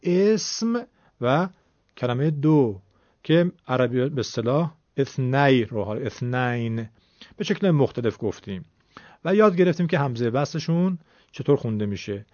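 A man's voice: mid-range voice, expressive, a little mellow, dry recording. A man teaching Quran reading, explaining a rule step by step in a patient, reassuring way and repeating the key points. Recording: dull, dry lo-fi recording.

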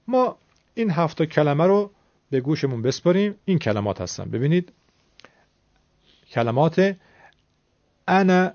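A man's voice: fairly high pitch, dark tone, no echo, muffled recording. A man teaching Quran recitation in a recorded lesson, explaining rules patiently and drawing out example words to demonstrate them.

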